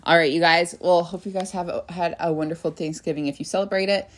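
A young woman co-hosting a casual book podcast, chatty and quick to laugh. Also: fairly low pitch, steady tone. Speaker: podcast co-host. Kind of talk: casual chat about books.

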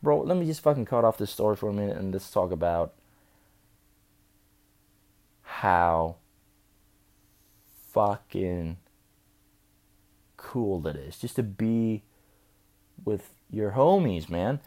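Young man, drunk and slurring, deep-voiced, swearing casual storyteller. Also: lively intonation, takes it slowly, pauses often, darkish tone. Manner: loose, profane, chatty. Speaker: vlogger. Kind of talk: rambling storytelling.

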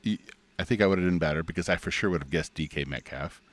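A man with a gravelly voice co-hosting a podcast, chatting casually about sports in a teasing, conversational way. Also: deep voice, fast talker, slight background noise. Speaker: podcast co-host.

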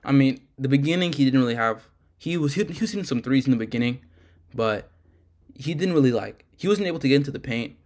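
A man's voice: medium pitch, animated, fast talker, darkish tone. A man co-hosting a casual sports podcast, rambling and correcting himself as he talks. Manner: loose, rambling, self-correcting. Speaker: podcast co-host.

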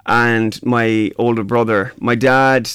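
A man with a west of Ireland accent talks casually as an interview guest. His voice is smooth and clear at a middling pitch, recorded dry and close. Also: fairly even intonation, takes it slowly, a bit bright, no echo. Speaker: musician guest.

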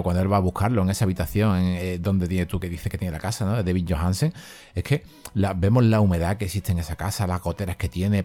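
Deep, mellow-voiced man discussing films. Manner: thoughtful, explains at length with repeated "¿no?". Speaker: podcast co-host. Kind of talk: casual film discussion.

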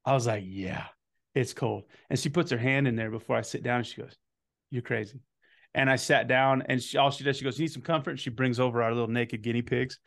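A man in his thirties hosting a podcast, an energetic storyteller who swears freely and keeps asking "right?". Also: mid-range voice, fast, creaky. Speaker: podcast host. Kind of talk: casual chat.

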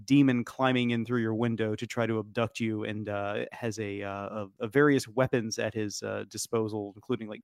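A man's voice: lowish voice, no echo. Rambling man with a dry sound. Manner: rambling, many fillers and restarts, laughs often. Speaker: podcast guest. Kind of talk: casual debate chat.

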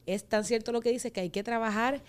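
Puerto Rican woman wedding planner, a chatty guest who tells animated stories and mimics her clients. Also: a little high, fairly quick, smooth. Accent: Puerto Rican Spanish. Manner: animated storyteller, acts out clients' voices. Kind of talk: casual chat.

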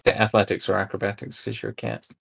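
Game master, man, low gravelly voice, flat delivery, relaxed narration. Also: fast. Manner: relaxed, hesitant with fillers.

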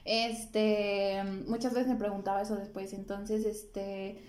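A woman's voice: mid-range voice, little pitch movement, slow, darkish tone. Mexican woman musing in an echoey room. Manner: reflective, lots of fillers. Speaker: podcast co-host. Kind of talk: casual chat.

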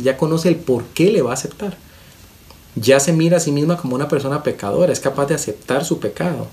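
A man speaks as a pastor teaching counselors. He presses his points hard with strings of rhetorical questions and repeated words, in a voice of middling pitch. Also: darkish tone.

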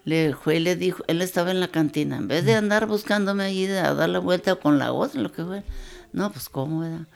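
Old grandma telling stories, gravelly low voice, acts out everyone. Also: female voice. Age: 80s. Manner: lively storyteller, quotes people in dialogue, chuckles often. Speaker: grandmother telling her life story. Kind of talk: casual storytelling.

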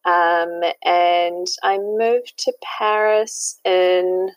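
A woman's voice: fairly low pitch, steady tone, extremely slow, smooth, no room sound, poor audio. A woman, a guest chatting casually and laughing often. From New Zealand. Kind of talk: casual interview chat.

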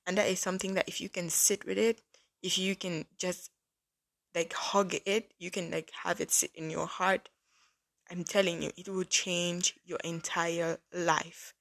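A woman's voice: fairly low pitch, flat delivery, a little slow, creaky, a bit bright. A woman in her early twenties hosting a casual faith-based podcast, chatty and earnest, with lots of "like" fillers. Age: early 20s. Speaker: podcast host.

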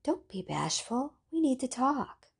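A woman voicing a soft, seductive computer. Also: high-pitched, big pitch swings, measured pace, vocal fry, slightly rough, voice pushed up, exaggerated voice. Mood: coaxing. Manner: soft, ethereal, coaxing.

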